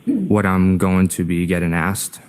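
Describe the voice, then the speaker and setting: A man's voice: deep voice, a little slow. A man testifying as a witness in court, giving terse, clipped answers. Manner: terse, flat one-word answers. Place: indoor courtroom. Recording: courtroom feed with faint noise.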